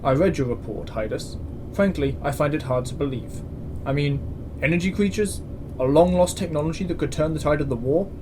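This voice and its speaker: In a science-fiction audio drama, a man plays a stern, exasperated space station commandant who speaks with curt military authority, sounding exasperated and accusing. His natural voice is fairly high and fairly quick, with clear background ambience noise.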